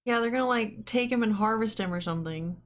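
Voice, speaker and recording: A young woman hosting a movie reaction, chatting casually with giggles and excited exclamations. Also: fairly high pitch, fast talker. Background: film audio.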